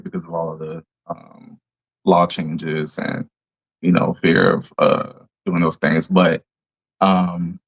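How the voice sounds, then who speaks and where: Deep-voiced New Orleans man. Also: rough recording. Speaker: therapist guest. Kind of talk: casual podcast conversation.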